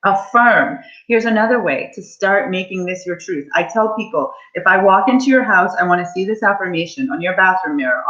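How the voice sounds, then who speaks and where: Leading a live online coaching session, this forties-aged money mindset coach speaks to her audience with upbeat encouragement. The recording is lo-fi, and her mid-range voice comes across pushed and bright.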